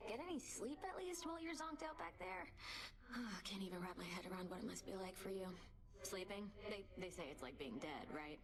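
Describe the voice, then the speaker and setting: A woman voicing a chatty, wry undead young woman in a video game, with a creaky voice and informal manner. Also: medium pitch, animated, a little fast. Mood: curious. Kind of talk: video game character acting.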